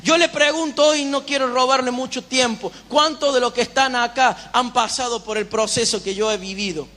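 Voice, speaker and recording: A man's voice: extremely high pitch, steady tone, moderate pace, pushed and bright. A man preaching a sermon at a church service, giving fervent testimony and firing rhetorical questions at the congregation. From Uruguay.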